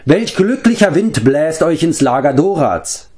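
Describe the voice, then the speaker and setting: A man's voice: a little high, sing-song, unhurried, mellow, pitched above the performer's own voice. A smug, cold bandit chief from a read-aloud storybook, as a man puts him on. He drawls and mocks, his voice raised well above the reader's own. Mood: mocking. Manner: drawling, mocking.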